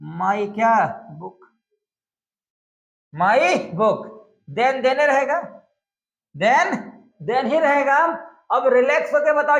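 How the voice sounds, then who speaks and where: A man's voice: very high-pitched, a bit bright. A man teaching an English grammar lesson in a coaxing, questioning classroom manner. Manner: coaxing, keeps asking students questions. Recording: echoey, dull lo-fi room sound.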